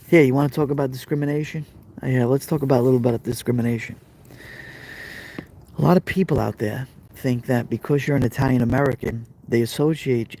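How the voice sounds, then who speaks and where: Hosting a casual live stream, a middle-aged Brooklyn, New York native with the accent to match talks directly to his viewers, reads their comments and tends to repeat himself. His voice is mid-range and mellow.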